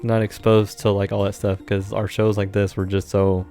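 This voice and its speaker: A young man from Indiana co-hosts a casual podcast chat in a lowish, flat voice at normal speed. He rambles loosely and pads his sentences with plenty of "like" fillers, while faint music plays quietly beneath him.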